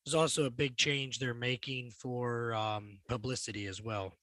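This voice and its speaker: A man's voice: mid-range voice, steady tone, normal speed, fairly bright tone, no echo. A man in a casual radio hobby chat, explaining club details in a matter-of-fact way.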